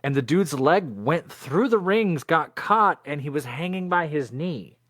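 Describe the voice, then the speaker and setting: A man co-hosting a podcast, telling stories in an animated, explaining way. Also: a little high, unhurried, no room sound, studio quality. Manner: animated storyteller, explains and asks. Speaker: podcast co-host. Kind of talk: casual chat.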